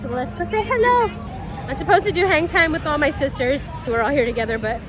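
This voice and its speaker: A high-voiced woman chats brightly as she hosts her vlog, recorded on a phone video. She talks in an upbeat, chatty way and laughs often. Loud music pounds behind her while a big crowd murmurs all around. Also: animated, quick pace, low-quality recording. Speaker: vlog host. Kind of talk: casual vlog chat walking through a theme park. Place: outdoor theme park at a Halloween event. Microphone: filmed on her phone.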